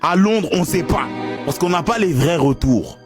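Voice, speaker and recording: A young man chatting casually to his viewers, telling animated stories in street slang. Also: high-pitched, normal speed. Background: music playing.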